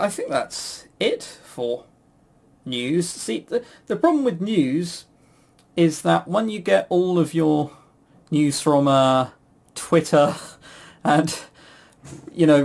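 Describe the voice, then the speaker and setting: A British podcast host with a fairly high, creaky voice and a darkish tone chats casually about his opinions. He's blunt and sweary, wandering off topic and stammering through false starts.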